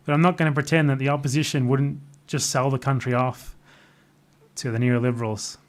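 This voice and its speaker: An Australian man livestreams, answering chat questions in casual, off-the-cuff political talk that's blunt, opinionated, and sardonic. His voice is mid-range, his intonation fairly even, and he talks a little fast.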